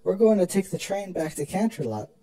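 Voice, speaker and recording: A performer voicing a proud, teasing elder pony princess and protective sister in an expressive fan fiction dramatic reading. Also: medium pitch, brisk, slightly rough, soft background music. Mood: matter-of-fact. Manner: expressive, indulgent explaining.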